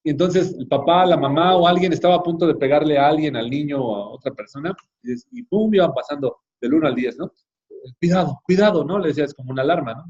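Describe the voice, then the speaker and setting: A man with a Mexican accent teaching a church class in a relaxed, conversational way, often checking in with his listeners. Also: on the high side, quick pace, hardly any pauses, muffled recording. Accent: Mexican Spanish. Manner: conversational, frequent tag questions, addresses the class directly.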